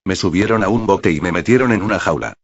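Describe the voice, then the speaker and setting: A man's voice: sits low, lively intonation, fast talker, husky, no echo, heavily acted. A man reading as a timid little teddy-bear girl. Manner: timid, childlike. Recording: dull, dry lo-fi recording.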